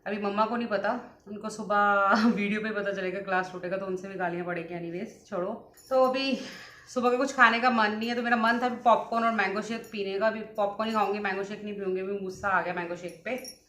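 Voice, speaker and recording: A woman's voice: medium pitch, steady tone, a little fast, fairly bright tone. A young woman, chatting in a casual vlog while unwell after a vaccine, telling stories and mixing in English words. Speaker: vlogger. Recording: echoey room.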